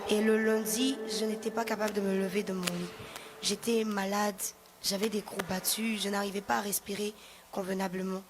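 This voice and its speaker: A woman's voice: medium pitch, little pitch movement, moderate pace, noisy background. A young woman from the congregation giving a personal testimony, telling her story plainly step by step. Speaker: church member giving testimony.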